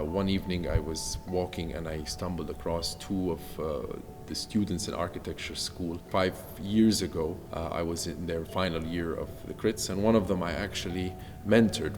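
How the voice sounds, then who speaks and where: A man from Egypt speaks with a very low voice, walking through his design project in a calm, explanatory way. The room adds a long reverb tail. Music plays clearly underneath him. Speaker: architect. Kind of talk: documentary interview.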